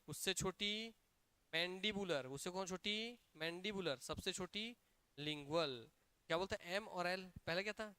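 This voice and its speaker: A male coaching teacher with a Chhattisgarhi Hindi accent, giving a lively classroom lecture and drilling students with repeated questions and answers. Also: high voice, clean tone, no room sound. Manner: energetic, emphatic.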